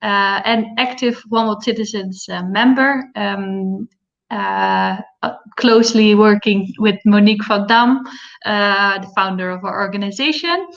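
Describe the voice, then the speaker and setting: A woman's voice: medium pitch, measured pace, vocal fry, muffled recording. A woman from the Netherlands giving an online conference talk as a guest speaker, hesitant and full of fillers. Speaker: guest speaker, social entrepreneur. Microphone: video call.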